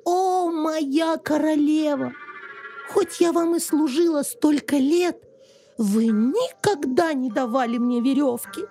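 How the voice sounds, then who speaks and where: A woman's voice: sits high, warm tone. A woman voicing a young servant girl answering her queen.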